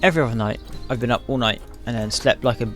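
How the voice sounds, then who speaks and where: A man's voice: mid-range voice, quick pace, a bit bright, soft background music. A sleepy, yawning man rambling to himself with lots of fillers as he builds in a game. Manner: rambling, self-talking, frequent fillers. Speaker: gaming video creator. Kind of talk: casual commentary while building in a game.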